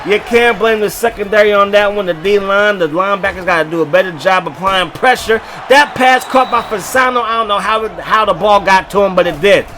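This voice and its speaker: A man with a very high voice calls a football video game play by play. His tone is bright and forceful, and his delivery is animated and joking. He often breaks into excited shouts. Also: brisk, few pauses, slight background noise. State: short of breath at times. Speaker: gaming YouTuber.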